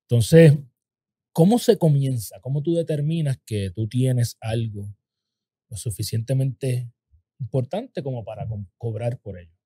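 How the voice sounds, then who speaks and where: A man's voice: medium pitch, unhurried, dark tone, breathy edge, no echo, clean studio sound. A man hosting a podcast, asking his guest conversational questions. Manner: conversational, asks probing questions. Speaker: podcast host. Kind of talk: interviewing a guest.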